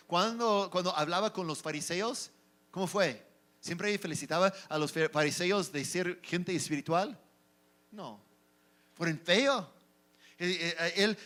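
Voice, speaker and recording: A pastor delivers a Sunday sermon in Spanish with a non-native accent, using a high, sharp voice. He asks rhetorical questions and often restarts words.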